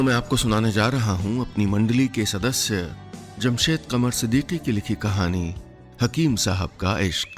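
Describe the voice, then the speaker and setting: A man hosting a radio show, narrating a story in an intimate, expressive way. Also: medium pitch. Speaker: storyteller host.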